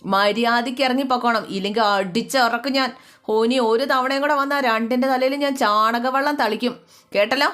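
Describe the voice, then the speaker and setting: A woman voicing a furious middle-aged father who disowns his daughter, slow and threatening. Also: fairly high pitch, fairly even intonation, fairly bright tone, lightly acted.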